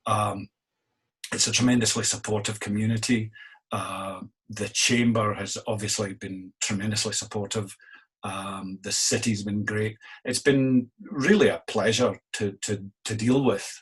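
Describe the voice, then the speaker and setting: A man's voice: lowish voice, fairly even intonation, unhurried, a bit bright, slightly rough. A middle-aged man with a Scottish accent, an innkeeper answering interview questions in a wry, self-deprecating way. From Scotland.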